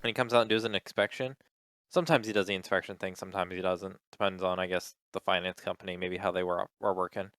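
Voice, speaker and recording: A man's voice: deep voice, fairly even intonation, fast talker, a bit bright, dry recording, clean studio sound. A man co-hosting a podcast, telling a rambling story in casual chat, acting out quotes and swearing freely. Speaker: podcast co-host.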